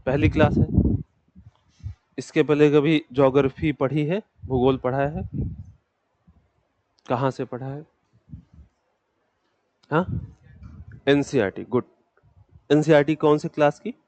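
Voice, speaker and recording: A man's voice: a little high, fairly even intonation, slow, pauses often, a little mellow, no room sound. A man teaching a geography class, speaking patiently and in a fatherly way to students who have just joined. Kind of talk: classroom lecture.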